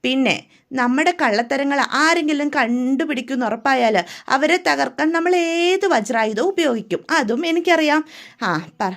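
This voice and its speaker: A woman's voice: high voice, normal speed, a bit bright. A woman voicing a caring older sister who patiently advises and warns her younger sister. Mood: advising. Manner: patient, advising, repeated questions.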